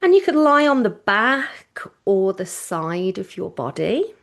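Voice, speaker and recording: With a mid-range, sing-song voice, a woman leads an informal yoga nidra session, guiding relaxation gently and reassuringly with unhurried phrasing and pauses.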